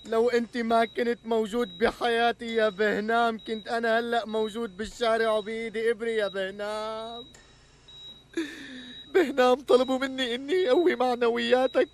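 A clumsy, anxious Levantine fellow in a comic dubbed drama. His voice sits very high, and a faint hum of ambience lies behind it. He pleads and laughs when he means to cry. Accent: Levantine Arabic. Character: bumbling anxious man who laugh-cries. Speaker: patient's companion.

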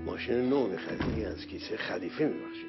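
A man's voice: on the low side, lively intonation, lo-fi sound, loud music behind the voice. An actor playing a stern, exasperated father who scolds his son, in a TV sitcom. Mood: scolding. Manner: scolding and exclamatory. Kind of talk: TV sitcom acting.

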